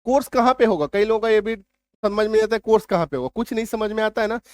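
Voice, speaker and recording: A man teaching spelling rules, repeating key points and asking his students whether it is clear. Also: high-pitched, fast talker, a little mellow, no room sound, studio quality. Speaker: English teacher. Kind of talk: spoken spelling lesson.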